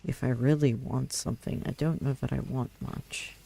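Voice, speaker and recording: A man's voice: mid-range voice, steady tone, moderate pace, gravelly, dark tone, slight background noise. A man giving casual video game commentary, musing and hesitant as he thinks aloud and reads in-game text. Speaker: player narrating a video game.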